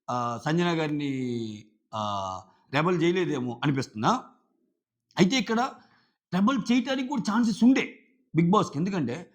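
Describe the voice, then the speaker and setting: A man giving a casual, animated recap and acting out what others said. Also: sits high. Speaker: show commentator. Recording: dull lo-fi sound.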